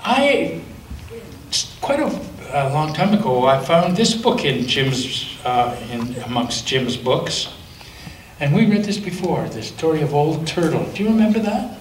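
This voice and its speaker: Sitting slightly back from the mic, a male pastor with a fairly high voice reads a children's picture book in a lively, lilting tone that rises and falls, gently pausing for dramatic effect. The church sanctuary adds a strong echo, making him sound distant, and faint noise is present.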